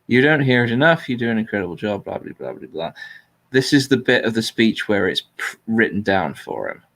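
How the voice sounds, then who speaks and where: This host's voice sits on the low side, fairly bright, with big pitch swings and a fairly quick pace. He chats casually and reads a transcript aloud in a dry, purposely flat, informal manner.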